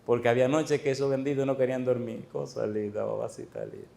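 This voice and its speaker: A middle-aged pastor preaching to his congregation, his voice at an ordinary male pitch. He tells stories with real animation, bursting into loud exclamations and then dropping to soft, tender asides. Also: fast talker, creaky. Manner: lively storyteller, swings between loud exclamations and hushed tender asides. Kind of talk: storytelling sermon. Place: church before a congregation.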